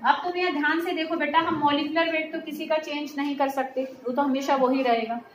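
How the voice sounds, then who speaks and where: A woman's voice: high voice, fairly even intonation, a little fast. A woman chemistry teacher giving a hands-on lab demonstration, patiently walking students through each step and checking they follow. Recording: roomy echo.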